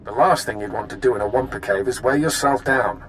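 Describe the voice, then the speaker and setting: Man playing video game imperial officer, ruthless, commanding, clipped menace, mid-pitched, faint noise behind. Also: fairly quick, a bit bright, close to an everyday voice, poor audio. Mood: scheming, stern.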